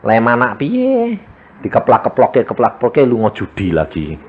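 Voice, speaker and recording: A man preaching a sermon with a Javanese accent, animated and joking, tossing rhetorical questions at the congregation. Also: medium pitch, normal speed, narrow, tinny audio, slight background noise. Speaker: evangelist preacher.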